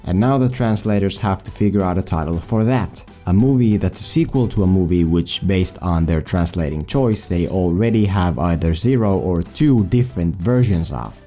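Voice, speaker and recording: With a deep, warm voice and lively intonation, a man who isn't a native English speaker hosts a film video in a scripted, sarcastic, mock-dramatic comedic voice-over. He talks at normal speed with few pauses over soft background music.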